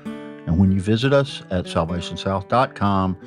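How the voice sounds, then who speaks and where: A man from North Georgia with a North Georgia Southern accent, giving a measured, earnest scripted narration as a magazine editor. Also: deep voice, lively intonation. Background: faint guitar music.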